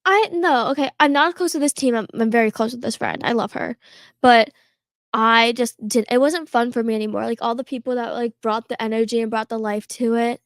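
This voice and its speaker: A teenage girl co-hosting a podcast tells a rambling story a little fast in a high-pitched voice, filling it with "like" and frequently laughing. She's close on the mic in a dry, dead room with no echo.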